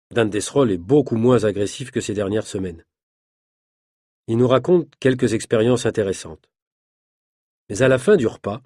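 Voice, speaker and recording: A man reading a story aloud as scripted narration for French learners, in a clear, even storytelling manner. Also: mid-range voice, no room sound, studio quality.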